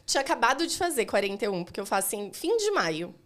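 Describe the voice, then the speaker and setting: Woman in her 40s on a podcast, bit higher voice, casual and thoughtful. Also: big pitch swings, fast talker, fairly bright tone. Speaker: guest. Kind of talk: casual chat.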